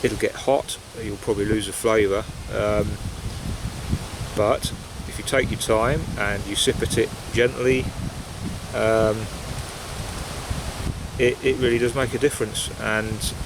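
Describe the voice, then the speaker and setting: This pipe-smoking vlogger talks a little slowly, his lowish voice fairly even in intonation, as he reflects casually in a hesitant, meandering manner. He's in the woods, where wind and rustling leaves mix with the wind noise of a basic outdoor setup.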